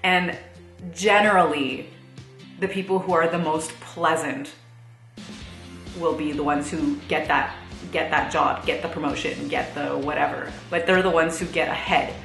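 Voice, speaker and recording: A woman's voice: low voice, fairly even intonation, a little slow, vocal fry, fairly bright tone, reverberant, soft background music. A thirty-year-old woman vlogging in a chatty, casual way, laughing often and using lots of fillers. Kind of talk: casual chat to camera.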